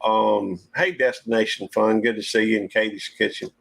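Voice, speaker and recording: A man's voice: on the low side, fairly even intonation, normal speed, gravelly, a bit bright. A man, hosting a casual live-stream panel chat in a folksy, rambling drawl. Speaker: channel host.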